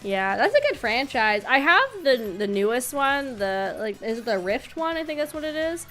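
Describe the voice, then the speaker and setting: A woman's voice: sits high, very animated, moderate pace, fairly bright tone, soft background music. A woman game streamer chatting casually and playfully, with a cute, bubbly anime-streamer delivery. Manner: playful, chatty, repeats words. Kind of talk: casual livestream chat.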